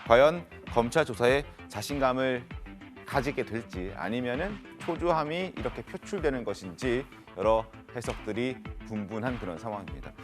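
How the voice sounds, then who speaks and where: A man's voice: medium pitch, animated, moderate pace, over music. A man hosting a political panel talk show, summarizing points and passing questions to guests. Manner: summarizes then hands the floor to panelists. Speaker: host.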